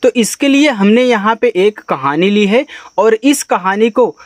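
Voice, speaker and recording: A man's voice: high-pitched, expressive, unhurried, no echo, clean studio sound. A man teaching beginners to read English words, spelling each word letter by letter and then explaining how to pronounce it. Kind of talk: spoken lesson on reading English words.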